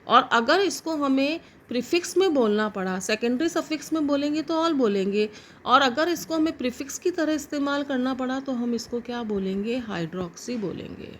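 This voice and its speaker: A woman's voice: high voice, expressive, normal speed, a bit bright, slight background noise. A woman teaching chemistry to students step by step, often asking a question and answering it herself. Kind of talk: classroom lecture to students.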